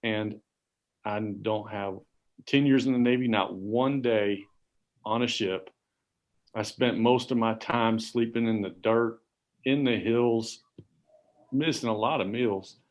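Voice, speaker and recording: A man's voice: lowish voice, fairly even intonation, slow pace, long pauses. A man in his forties, an assistant principal, telling rambling, self-deprecating stories on a casual podcast with plenty of fillers. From Garland, Texas.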